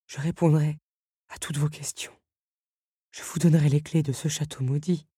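A woman's voice: normal speed, dark tone, husky, no echo, studio quality, exaggerated voice. A woman voicing the Beast, a proud, bitter male creature, in an audiobook reading. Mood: broken. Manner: bitter, low and curt.

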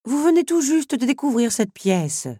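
A woman reading a storybook voices a worried, motherly female teapot that fusses and gently scolds, with a husky voice. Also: fairly low pitch, expressive, normal speed, no echo, clean studio sound, pitched above the performer's own voice. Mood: scolding.

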